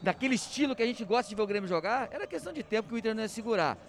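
Match analyst, male, fast and very lively, emphatic with halting repeats, slight background noise. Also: sits high. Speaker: football commentator, analyst.

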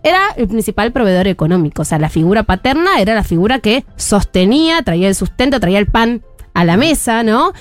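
A woman's voice: mid-range voice, sing-song, fairly quick, dry recording, faint music behind. An Argentine woman, around her thirties, giving a chatty parenting column on radio with plenty of restarts and fillers. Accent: Argentine Spanish.

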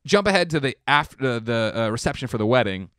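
A young man from the Chicago area telling a long personal story in casual chat, rambling and animated, acting out quotes. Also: a little fast, no room sound, clean studio sound. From Chicago area, United States. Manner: rambling, animated, acts out quotes with big pitch jumps.

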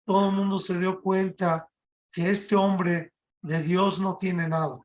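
A man giving a rabbi's sermon in an animated way, raising his voice to a shout for emphasis and asking many rhetorical questions. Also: sits high, slow, reverberant. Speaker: rabbi giving a Torah talk.

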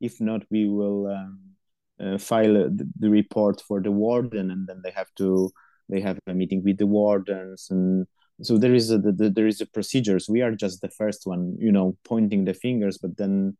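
Answering interview questions on how to support university students, a middle-aged non-native English speaker fills his speech with fillers and restarts. He has a lowish, mellow voice, delivers it flatly at a moderate pace, and the recording is dry.

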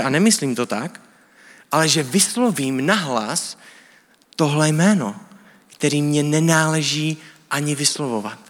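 This preacher's voice sits on the high side with a fairly bright tone. He delivers a sermon in a church hall, explaining things casually and in a teaching way using colloquial speech, and the hall gives the recording a long reverb.

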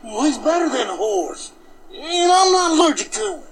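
A defensive cowboy in an old western film, talking in a high strained twang with a big overdone western drawl, pitched way up well above an ordinary man's voice. he sounds worked up and keeps insisting he's right. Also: big pitch swings, normal speed, a little hiss or hum. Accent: exaggerated Western US drawl. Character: cowboy who claims horse allergy, adult man. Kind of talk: film dialogue.

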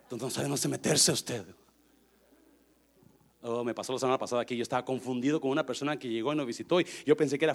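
A man preaching a sermon, switching between Spanish and English, acting out the scripture voices and building up to loud shouting. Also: mid-range voice. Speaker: pastor.

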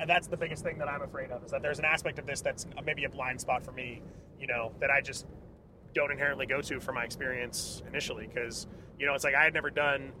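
A man talking as a podcast guest in a car, enthusiastic and rambling, full of fillers. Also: a little high. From California. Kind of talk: casual conversation. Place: inside a car. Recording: road and traffic noise.

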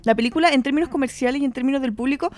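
A young Chilean woman hosting a casual podcast chat, animated and opinionated, laughing easily. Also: high voice, very fast. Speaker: podcast host.

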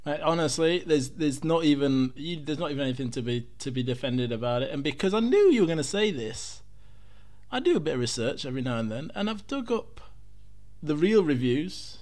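A man's voice: fairly high pitch, expressive, fairly quick, darkish tone. A man hosting a casual podcast, teasing his guest and calling him "mate" often. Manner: laughing, teasing, says "mate" a lot. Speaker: podcast host.

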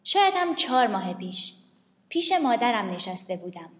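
A woman reading a children's story aloud in an expressive way, changing her voice for each character. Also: mid-range voice. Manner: lively, shifts her voice for the characters. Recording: reverberant roomy recording with faint music.

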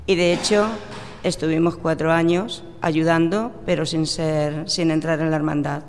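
A woman's voice: deep voice, fairly even intonation, normal speed, a little mellow. A middle-aged woman from La Mancha, answering in a radio interview in an earnest, reflective way. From La Mancha, Spain. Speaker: president of a religious brotherhood. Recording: reverberant room.

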